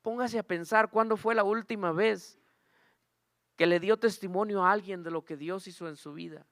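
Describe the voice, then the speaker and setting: A man's voice: sits high, normal speed, a bit bright, no echo, clean studio sound. A man preaching a sermon, telling a personal testimony in an earnest storytelling manner and calling on the congregation as brothers and sisters.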